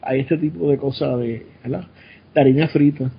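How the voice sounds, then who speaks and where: A man's voice: mid-range voice, steady tone, moderate pace, vocal fry, slightly rough, dull audio. A man with a Puerto Rican Spanish accent, co-hosting a casual chat and explaining things in a musing way. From Puerto Rico.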